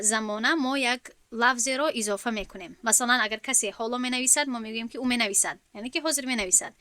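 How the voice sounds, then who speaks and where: A woman teaching an Arabic grammar lesson, spelling out verb forms one by one and pausing with fillers as she explains. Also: on the high side, bright, forceful tone, dry recording.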